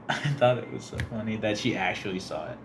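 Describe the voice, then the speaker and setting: A young man co-hosting a casual podcast, telling stories animatedly and acting out quotes in a squeaky high voice. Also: expressive, moderate pace, slight background noise. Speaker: podcast co-host. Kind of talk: casual chat.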